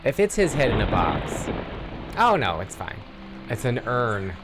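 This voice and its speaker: Excitable, teasing man commentating on a horror game. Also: mid-range voice, unhurried, loud music behind the voice, poor audio. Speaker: video game streamer, co-commentator.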